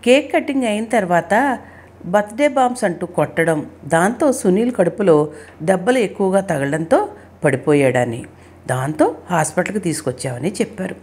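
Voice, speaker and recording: A woman narrating a written short story with an expressive, emotional reading. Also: lowish voice, normal speed, breathy edge.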